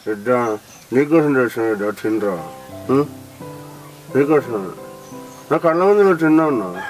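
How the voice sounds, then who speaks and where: A man playing a soft-spoken old village father. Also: medium pitch, lively intonation, normal speed, natural voice, low-quality recording. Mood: tender. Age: older. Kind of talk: village comedy skit acting. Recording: music behind the voice.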